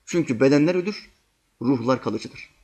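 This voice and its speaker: A man giving a religious sermon, telling vivid stories and acting out quotes, swinging between loud and hushed. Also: mid-range voice, animated, moderate pace, husky. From Turkey. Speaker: preacher.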